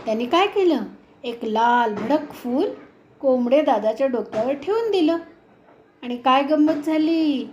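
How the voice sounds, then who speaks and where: A woman narrating a children's story in a gentle, expressive way. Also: sits high, measured pace, dull audio, slight background noise.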